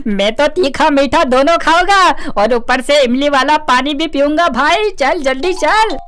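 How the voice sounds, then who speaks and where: Excitable cartoon boy; high pitch. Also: a little slow. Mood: eager. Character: eager young cartoon boy.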